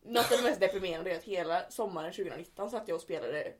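A young woman talks casually with her brother, her stories punctuated by laughter and offhand swearing. When retelling them, she imitates shrill cries.

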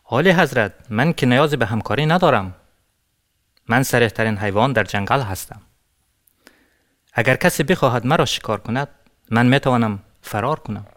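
A man from Afghanistan voicing a boastful, quick-tempered male hare in a storybook tale, shouting scornfully. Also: mid-range voice, animated, close to an everyday voice.

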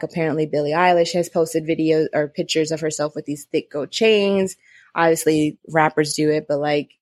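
A chatty young woman co-hosting a relaxed conversation, rambling along with plenty of fillers. Her voice sits a little low, and the recording is dry and close with no room sound. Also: dry recording. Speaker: co-host. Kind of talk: casual chat.

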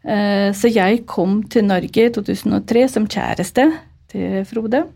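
A middle-aged woman with a Ukrainian accent, a guest telling lively stories and acting out quotes with big jumps in pitch. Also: gravelly. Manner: animated, acts out quotes with big pitch leaps. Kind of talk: storytelling in an interview.

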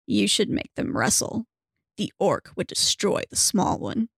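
Woman doing a mischievous teasing spirit, casual, a bit gravelly, dry sound. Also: mid-range voice, sing-song, unhurried, no room sound, full character voice.

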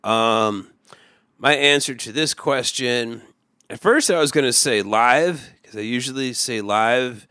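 A man in his forties chats on a podcast in a rambling, wry way, often making fun of himself. His voice sits at an ordinary middle pitch. The recording is close and dry, with no room sound. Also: a bit bright, smooth, dry recording. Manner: rambling, wry, self-mocking storytelling. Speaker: podcast co-host. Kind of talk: casual chat.

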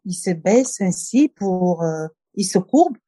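A Cameroonian-born woman speaking with a mellow, unhurried warmth. She recites in a rhythmic cadence and talks reflectively, stopping often to search for the next word. The sound is close and dry. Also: fairly low pitch, expressive, husky, dry recording. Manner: rhythmic recitation, then earnest and reflective with hesitations. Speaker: poet and guest. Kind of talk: poetry reading then conversation.

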